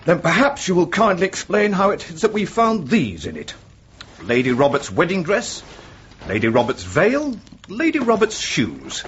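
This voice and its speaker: An actor playing a frustrated, dogged police inspector in a radio drama, husky and grumbling in an earnest way. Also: male voice, high voice, huge pitch swings, normal speed, a bit bright, a little hiss or hum, exaggerated voice. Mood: challenging, smug. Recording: dull radio recording.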